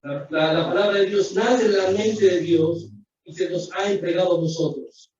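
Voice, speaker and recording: Preacher, male, high voice, emphatic and repetitive, heard from afar in a boomy church on a dull lo-fi recording. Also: steady tone, normal speed, darkish tone, slight background noise. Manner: emphatic, repetitive preaching, addresses listeners as brothers. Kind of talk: sermon. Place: church sanctuary. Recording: echoey distant lo-fi church recording.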